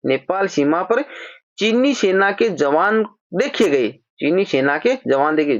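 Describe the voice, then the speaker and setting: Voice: mid-range voice, no room sound. Patient grammar teacher, dry dull audio. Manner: explains patiently, repeats example sentences slowly. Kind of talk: exam-prep grammar lesson. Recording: slightly dull, dry lo-fi recording.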